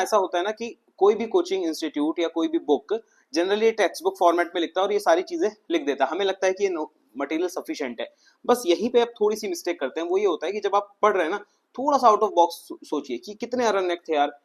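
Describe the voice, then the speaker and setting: A man teaching an exam-prep lesson in a conversational way, talking straight to his students and asking them questions. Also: on the high side. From India.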